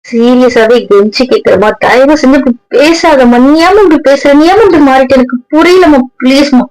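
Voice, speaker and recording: A woman's voice: a little high, fast, a little mellow, natural voice, poor audio. A woman putting on a pleading young daughter. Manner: pleading and coaxing. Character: young adult daughter, a doctor, pleading with her mother. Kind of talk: scripted comedy skit dialogue.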